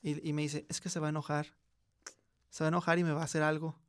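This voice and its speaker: A young Mexican man telling a scary story in casual, slangy chat, often dropping to a hush when quoting a child. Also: fairly high pitch, little pitch movement, fast, clean tone. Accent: Mexican Spanish. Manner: slangy, swearing, acts out a child's quiet voice in quotes. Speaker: podcast host.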